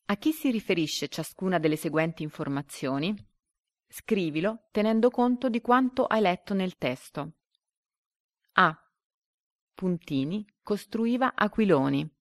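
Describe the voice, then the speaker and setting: A woman with a low voice reads a story aloud, then goes through the quiz questions. She paces the answer options slowly and deliberately. The recording is dry and close. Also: dry recording. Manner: slow and deliberate when reading quiz options.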